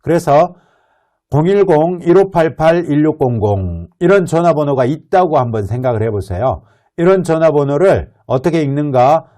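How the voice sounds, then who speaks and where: A man teaching an English lesson, explaining patiently and reading model sentences slowly and clearly for learners to repeat. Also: a little high, animated, mellow. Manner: explains patiently, with rhetorical questions. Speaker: English instructor.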